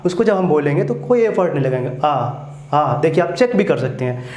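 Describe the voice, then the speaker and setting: A man's voice: on the high side, big pitch swings, fast talker, dark tone. A man teaching English grammar, often asking questions and repeating "theek hai" after each point. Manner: repeats "ठीक है" and asks students questions. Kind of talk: classroom grammar lesson. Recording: echoey room.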